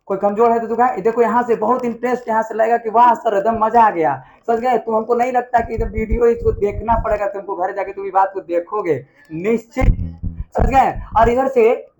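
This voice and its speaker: A man's voice: sits high, moderate pace, faint music behind. A man teaching history to a class, who keeps asking his students questions and having them answer back. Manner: lively, quizzes the class with call-and-response questions.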